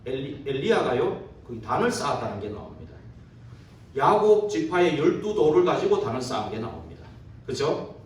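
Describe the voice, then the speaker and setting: A man's voice: medium pitch, sing-song, moderate pace, a little mellow. A man preaching a sermon as a pastor, posing rhetorical questions and checking agreement with the congregation through tag questions. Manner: poses rhetorical questions to the listeners. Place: church sanctuary during a service. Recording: very echoey church hall from far off.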